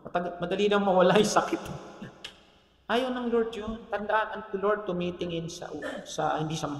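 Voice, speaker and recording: High-voiced man preaching in an echoey hall. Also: moderate pace. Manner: storytelling preacher, asks the congregation for amens, jokes. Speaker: pastor. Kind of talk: sermon. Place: church hall. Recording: echoey hall, long reverb.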